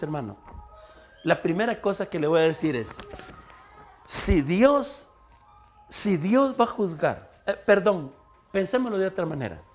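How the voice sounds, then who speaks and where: A Guatemalan pastor preaching a live church sermon, animated, swinging between hushed asides and emphatic points. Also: male voice, a little high. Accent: Guatemalan Spanish. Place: church service recorded live.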